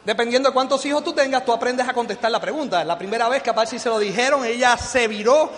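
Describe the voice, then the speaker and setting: A middle-aged man from Puerto Rico with a Puerto Rican Spanish accent, giving a motivational business speech to a live audience. He is animated and joking, acts out quoted voices, and asks the audience questions. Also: very high voice, fast talker. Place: large hall before an audience. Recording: long hall reverb.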